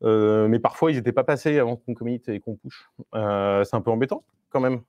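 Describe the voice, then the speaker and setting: A man's voice: mid-range voice, brisk, a little mellow, no echo, muffled recording. A man talking to a live online meetup audience as a Scrum Master, in a conversational way with many fillers and restarts and a few playful asides.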